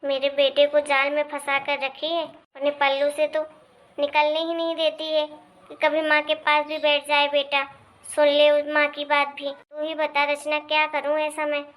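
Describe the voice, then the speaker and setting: A woman's voice: high-pitched, completely flat delivery, normal speed, a bit bright. Woman voicing a nagging old mother-in-law. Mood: bitter. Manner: complaining, scolding. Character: nagging older mother-in-law desperate for a grandson.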